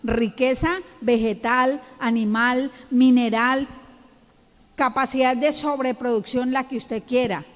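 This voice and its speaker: A woman's voice: on the high side, fairly even intonation. A woman pastor with a Colombian accent delivering an emphatic sermon, drawing out words and rising to peaks. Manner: emphatic, slow, drawn-out preaching with rising peaks. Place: church hall. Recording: long church hall reverb.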